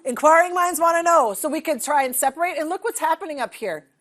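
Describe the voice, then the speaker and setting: Speaking fast in a high, fairly bright voice, a woman in her forties trains teachers with a hands-on demo. She fills the large training room with questions for the audience and frequent "okay?" check-ins.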